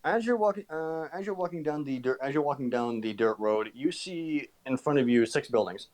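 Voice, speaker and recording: A man's voice: fairly high pitch, expressive, brisk, darkish tone. A man narrating a tabletop game as game master over an online call, hesitant and restarting his sentences often.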